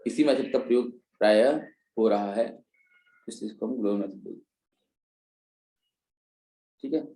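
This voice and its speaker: A man teaches terms to an exam-prep class, breaking things into steps and checking in with students as he goes. His voice is medium-pitched, mellow and dark, and the sound echoes off a bare room.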